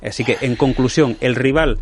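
Emphatic football pundit. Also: male voice, medium pitch, moderate pace, a little hiss or hum. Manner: emphatic, lists points firmly. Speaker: radio pundit. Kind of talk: heated sports debate. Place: radio studio.

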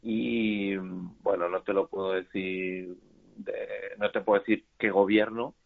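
A deep-voiced man calls into a radio show and talks about his startup event. He hesitates a lot, with fillers and restarts. The line is thin and tinny, like a phone. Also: steady tone, slow pace, gravelly.

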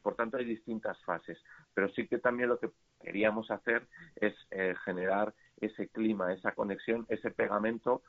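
The deep-voiced caller discusses his startup event on a radio show at a moderate pace, his intonation fairly even. Fillers, hesitations, and restarts pepper his speech, heard through a tinny, phone-like line.

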